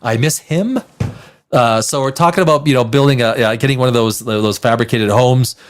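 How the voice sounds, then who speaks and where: At medium pitch and normal speed, a man in his fifties hosts a livestream with off-the-cuff, casual chat. Born in the Czech Republic and from Canada, he has a North American accent and speaks emphatically and profanely, frequently repeating his phrases.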